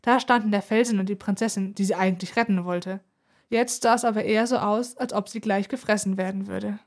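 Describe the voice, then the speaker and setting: A woman narrating a children's adventure story aloud in an even, expressive way. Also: medium pitch, brisk. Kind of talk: storybook reading.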